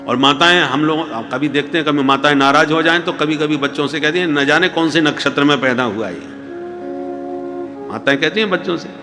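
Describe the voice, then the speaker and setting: A man preaching a devotional story with a slightly high voice and a long hall echo. Soft music plays behind him as he shifts into folk dialect for the characters. He breaks into chanted refrains. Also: a little fast. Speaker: kathavachak. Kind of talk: devotional katha sermon.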